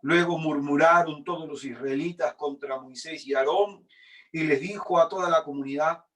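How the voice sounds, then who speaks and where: A man reading scripture aloud in a sermon, deliberate and dramatic, his loudness swinging up and down. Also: fairly high pitch, distant mic. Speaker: preacher.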